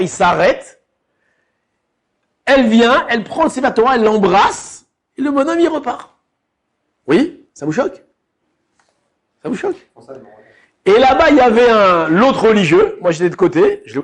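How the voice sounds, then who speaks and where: A rabbi gives a lively, street-casual Torah lesson, telling a story and playing out each scene. His voice sits high for a man and swings widely up and down as he talks. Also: breathy edge. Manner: animated, colloquial, acts out scenes.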